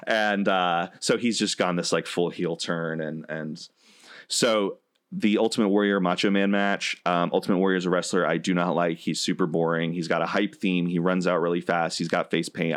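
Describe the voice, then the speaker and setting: A man in a casual podcast chat tells a long story with animation and plenty of filler words. His voice is low. He talks freely in a loose, conversational way. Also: creaky. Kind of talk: casual chat, retelling a match.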